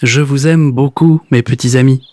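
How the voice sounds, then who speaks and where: A man doing a gentle, fretful old man. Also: mid-range voice, fairly even intonation, moderate pace, no echo, lightly acted. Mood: tender.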